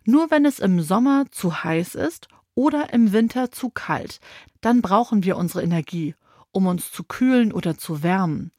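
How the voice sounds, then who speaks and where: A woman's voice: medium pitch, expressive, normal speed, dark tone, no echo, studio quality, close to an everyday voice. A woman voicing a proud, chatty hen who explains things in a matter-of-fact way, in a children's audio story. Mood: explaining.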